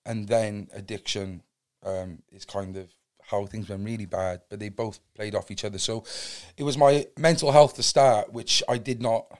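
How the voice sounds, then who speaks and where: Cardiff guy, lowish voice, earnest and a bit rambly, chatting openly about his past. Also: steady tone, normal speed. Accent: Welsh (Cardiff). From Cardiff, Wales. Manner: open, earnest, rambling with restarts. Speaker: podcast guest. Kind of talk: candid personal storytelling.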